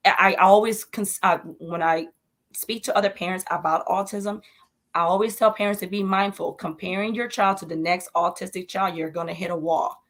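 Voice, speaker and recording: A woman's voice: lowish voice, steady tone, moderate pace. Earnest mother speaking emphatically. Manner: earnest, emphatic, repeats herself. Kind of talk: interview conversation.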